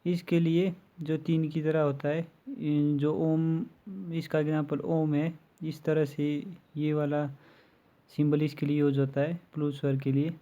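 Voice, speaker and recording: Guy teaching grammar for exams, mellow voice, pretty flat delivery, goes through letters one by one. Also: a little high, muffled recording. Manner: slow, methodical listing with examples. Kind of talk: exam-prep grammar lesson.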